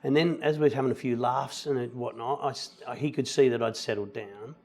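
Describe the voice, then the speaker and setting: A middle-aged man, a musical theatre actor, chatting in an interview and telling anecdotes with lively acted-out quotes. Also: mid-range voice, fairly quick, creaky. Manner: animated storyteller, acts out quoted lines.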